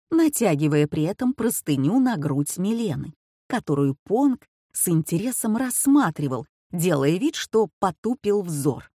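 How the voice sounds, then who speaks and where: A woman narrating a storybook in an expressive reading voice. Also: on the low side, no room sound, studio quality.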